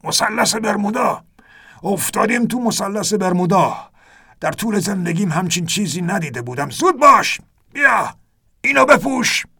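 مردی در نقش ناخدای پیر فریادزن در طوفان. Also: male voice, high voice, breathy edge, voice pushed up, heavily acted. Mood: frantic. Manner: desperate yelling over the wind. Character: old sea captain shouting in a storm.

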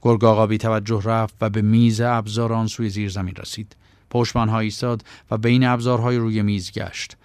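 A man narrating a story as an audiobook, in a measured and unhurried way. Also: lowish voice, flat delivery, a little mellow, clear, resonant tone, no echo.

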